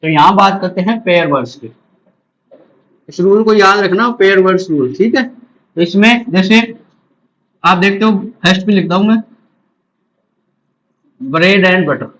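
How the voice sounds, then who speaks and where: A man with a high voice teaches English grammar to exam candidates. He explains in Hindi with English terms mixed in. He repeats each rule and checks understanding with short questions. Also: a bit bright, rough recording. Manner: repeats key terms, asks the class quick check questions. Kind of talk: exam-prep grammar lecture.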